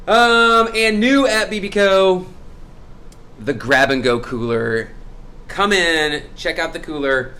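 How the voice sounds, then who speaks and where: A man's voice: high-pitched, animated, slow pace, bright, forceful tone. A young man hosting a casual brewery video, chatting in an upbeat way about specials and beer styles with playful sound effects. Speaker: brewery host. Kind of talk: casual promotional vlog chat.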